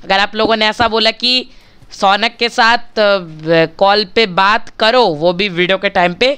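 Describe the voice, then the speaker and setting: Chatty male gamer, smooth clear voice. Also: high-pitched, a little slow, bright, forceful tone. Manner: chatty, bargains with viewers for likes. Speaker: gaming channel host. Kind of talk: casual gaming commentary.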